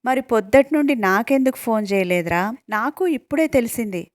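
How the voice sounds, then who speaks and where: A woman's voice: on the high side, animated, a little fast, no room sound, voice pushed up, close to an everyday voice. A worried young village man who speaks in a raised, complaining tone with a lilt, as a woman reads him out. The sound is dry and close.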